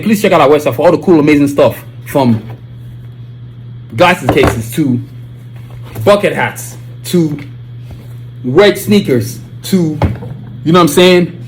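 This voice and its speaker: On poor audio with a little hiss or hum, a Nigerian-accented man hosts his podcast, talking casually and reading sponsor plugs. His voice is on the high side, and he's animated and repetitive, leaning on catchphrases like "you know what I'm saying".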